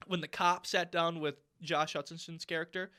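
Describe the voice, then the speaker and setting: A young man with a high, bright voice co-hosts a podcast. He tells his story in an animated, exasperated way, swearing freely as he rants. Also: moderate pace, clear, resonant tone. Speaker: podcast co-host. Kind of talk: casual storytelling rant. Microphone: podcast mic.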